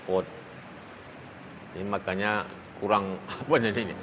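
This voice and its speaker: Low-voiced man chatting, lo-fi. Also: fairly even intonation, unhurried, noisy background. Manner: casual, chatty, laughs easily.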